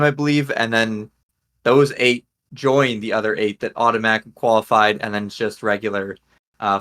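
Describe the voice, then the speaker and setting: A man's voice: mid-range voice, fairly bright tone. A man hosting a casual sports podcast, leading the talk and lining up topics and questions for his co-hosts. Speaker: podcast host.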